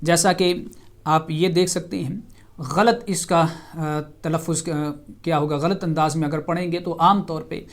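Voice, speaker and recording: A man's voice: on the high side, steady tone. Man teaching tajweed on television. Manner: patient, explains each term step by step; slows and stresses example words. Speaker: Quran recitation teacher. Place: television studio.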